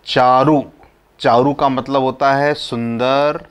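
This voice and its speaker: Guy explaining a hymn line by line, slow and patient, recites then repeats. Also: mid-range voice, fairly even intonation, smooth. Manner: recites verses, then explains each word slowly and repeats it. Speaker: religious teacher explaining a hymn.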